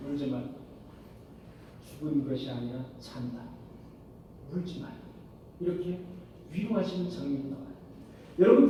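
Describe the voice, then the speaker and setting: A man's voice: high-pitched, dark tone, slight background noise. A man preaching a sermon as pastor, often asking the congregation questions and answering them himself. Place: church sanctuary. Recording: echoey church hall from far off.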